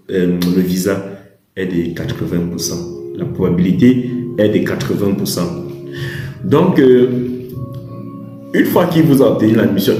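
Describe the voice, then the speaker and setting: A man's voice: fairly low pitch, mellow. A man giving casual advice to viewers, rambling with many restarts and fillers. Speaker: YouTuber advising on study in China. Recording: roomy echo.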